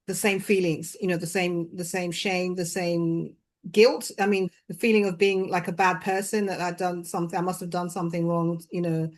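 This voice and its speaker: A woman in her sixties hosting an interview, speaking softly and haltingly with many restarts. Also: fairly low pitch, little pitch movement. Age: 60s. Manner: soft, halting, many restarts and trailing words. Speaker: host. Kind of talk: heartfelt conversational interview.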